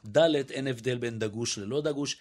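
Man sounding out letters one by one. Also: medium pitch. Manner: methodical, demonstrates each sound aloud; hesitant, self-correcting. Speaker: guest linguist. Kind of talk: explanatory interview talk.

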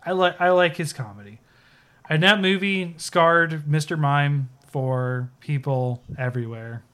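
A man's voice: a little high, a little slow, pushed and bright. A man co-hosting a casual podcast, rambling with lots of fillers and restarts. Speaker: podcast co-host. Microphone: video call setup, sharing his screen.

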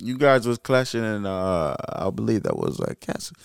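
Lively, smooth-voiced male interviewer. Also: lowish voice, dry recording, studio quality. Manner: halting, restarts and stacks fillers. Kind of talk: casual interview chat.

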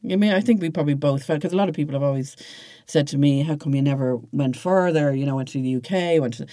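A woman's voice: low voice, racing, no room sound, clean studio sound. A woman, a guest on a podcast, telling anecdotes in casual, filler-heavy chat. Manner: animated storytelling with many fillers.

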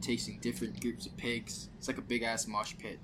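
A man's voice: mid-range voice, little pitch movement, brisk, background noise. A young man narrating a tabletop game as game master, laid-back and laughing at his own slips. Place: online game session from home.

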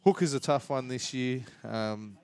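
A man's voice: medium pitch, a little slow, darkish tone. An Australian man co-hosting a sports podcast, casually talking through analysis. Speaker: fantasy rugby league podcast co-host.

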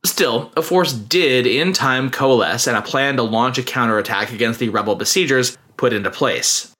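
A man's voice: medium pitch, normal speed, sharp tone. A man narrating a scripted history podcast, with wry, humorous asides.

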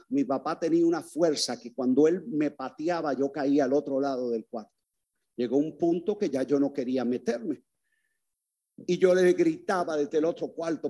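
Male priest, sermon with testimony, slightly high voice, hushed then loud bursts. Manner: swings from hushed to loud outbursts.

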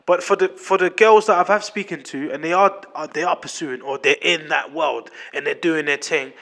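A man's voice: fairly high pitch, moderate pace, fairly bright tone. A man in his late twenties with a London roadman accent, chatting casually and emphatically as a podcast host, repeating himself and using slang. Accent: London roadman (urban London slang accent). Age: late 20s. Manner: emphatic, repetitive, slang-heavy. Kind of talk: casual opinionated chat.

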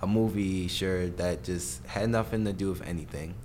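A man's voice: deep voice, moderate pace, darkish tone, slight background noise. A young man talking casually as a podcast guest, rambling with fillers and easy laughs. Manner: laid-back, rambling with many fillers and laughs. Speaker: guest, online video creator.

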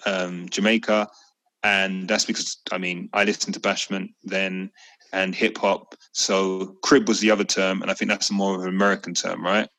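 A middle-aged man leads a casual family conversation. His voice sits low and unhurried. He tells stories with an easy, joking manner. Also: low-quality recording. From East London. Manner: relaxed storytelling, jokey asides.

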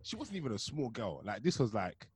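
A man's voice: mid-range voice, big pitch swings, fairly quick, a crowd in the background. A man telling a story casually as a podcast guest, laid-back and slangy. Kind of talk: casual chat.

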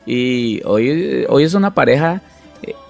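A man's voice: medium pitch, expressive, takes it slowly, vocal fry, faint music behind. A middle-aged man, a pastor, earnestly explaining Bible teaching in conversation with many restarts.

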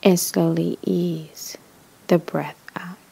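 Breathy, whispering woman guiding a slow meditation. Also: fairly low pitch, little pitch movement. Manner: soft, breathy, whispery spa-like delivery; soothing, measured phrasing with pauses. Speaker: meditation guide.

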